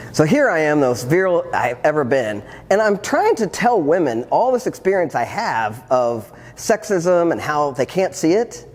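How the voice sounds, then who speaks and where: A man in his fifties, a transformational coach, telling his personal story to an audience with earnest reflection and wry humor. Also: a little high. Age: 50s. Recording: long hall reverb, faint ambience.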